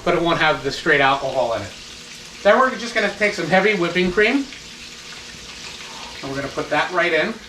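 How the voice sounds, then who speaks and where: A man chef giving a step-by-step cooking demonstration in a relaxed, instructive way, stopping now and then to restart a phrase. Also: fairly high pitch, a little fast, long pauses, background noise. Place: kitchen. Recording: echoey kitchen, mic at a distance. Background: sizzling pan sounds.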